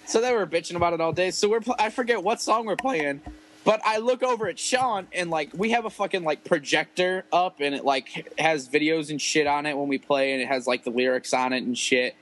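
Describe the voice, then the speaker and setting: A man's voice: fairly high pitch, fairly quick, a bit bright, rough recording. A man casually telling a rambling, profane story about playing a show with his rap group, full of fillers.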